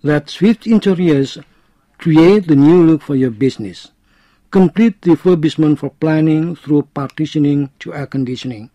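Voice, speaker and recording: A man's voice: fairly high pitch, moderate pace, dark tone, dry recording, natural voice, rough recording. A man playing an announcer, reading scripted notices like adverts or airport announcements. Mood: promotional.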